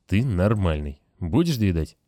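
Male reader playing a weary, patient older caretaker in an audiobook: low, warm, gentle. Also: very animated, measured pace, no echo, studio quality.

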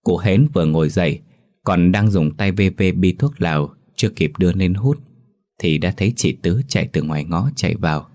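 A man narrating a ghost story as a storyteller in a steady, measured reading. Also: deep voice.

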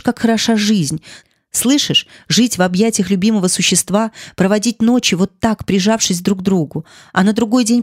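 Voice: medium pitch, darkish tone, no room sound, studio quality, lightly acted. A narrator voicing a passionate young woman pleading with her lover in an audiobook. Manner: pleading, impassioned. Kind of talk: audiobook character reading.

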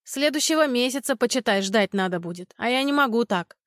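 A woman narrating an audiobook voices a nasal-voiced village drunk who wails and pleads at a door in a drawn-out way. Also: extremely high pitch, expressive, fairly bright tone, no room sound, studio quality. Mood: whiny pleading.

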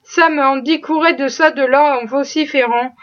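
A woman reading a classic novel aloud as audiobook narration, steady and expressive. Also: sits high, moderate pace. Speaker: audiobook reader. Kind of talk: scripted narration. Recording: dull lo-fi recording.

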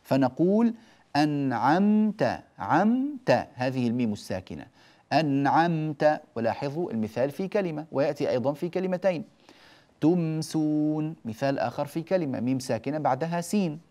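A male teacher explains Quranic recitation rules in a measured, deliberate voice at an average pitch. He stretches out each example slowly and then corrects common mistakes firmly. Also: very animated, dark tone. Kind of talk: televised tajweed lesson.

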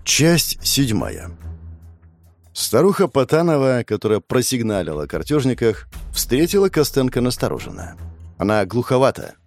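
A man narrating an audiobook in a measured, expressive storytelling manner. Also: medium pitch, faint music behind. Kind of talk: audiobook reading of a crime novel.

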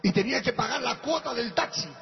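A male pastor preaching a sermon, telling a testimony and building up to fervent shouting, with a gravelly voice. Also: very high voice, a little fast. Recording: muffled echoey hall with faint noise.

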